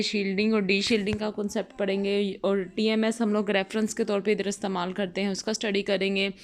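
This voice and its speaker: A woman teaching a chemistry lecture over slides, explaining step by step and asking and answering her own questions. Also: medium pitch.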